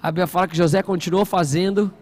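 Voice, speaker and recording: Man, very high voice, pastor, animated sermon, questions to the congregation. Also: fast talker. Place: church service.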